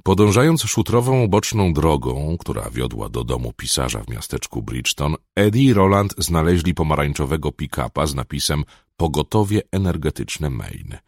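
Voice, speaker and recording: Very deep gravelly male audiobook narrator. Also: animated, normal speed, hardly any pauses, dry recording, studio quality. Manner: dramatic, swelling on tense moments.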